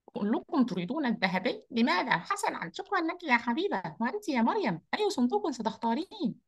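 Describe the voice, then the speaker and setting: A woman voicing a cheerful, energetic male rabbit who tells a story to children in an online lesson. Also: high voice, fast talker, slightly rough, heavily acted. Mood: playful. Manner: lively, upbeat, speaks to children.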